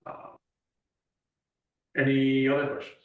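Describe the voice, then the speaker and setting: A man giving a club treasurer's and trail report at a meeting, reading figures slowly with many fillers. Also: mid-range voice, monotone, narrow, tinny audio. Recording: echoey room, mic far off.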